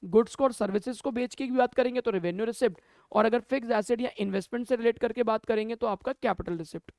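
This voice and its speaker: A man's voice: very high voice, fast talker, a little mellow, no echo. A man teaching an accounting class, talking to students, asking questions and answering them himself, mixing Hindi with English terms. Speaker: commerce teacher. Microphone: camera mic.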